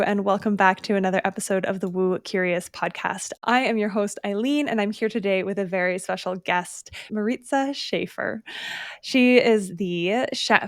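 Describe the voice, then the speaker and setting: A woman hosting a spiritual podcast, speaking in a soft, earnest, measured way. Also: medium pitch. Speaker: podcast host. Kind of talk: spiritual podcast narration and interview.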